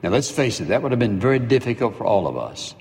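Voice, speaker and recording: A man preaching a sermon in a middle-pitched voice, with the long reverb of a large hall around him. He is animated and acts out imagined prayers as he goes. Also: fast talker.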